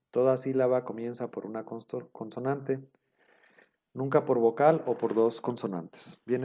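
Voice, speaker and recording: A man teaching a Bible class on Hebrew grammar, explaining patiently with frequent pauses and rhetorical questions. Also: medium pitch, mellow.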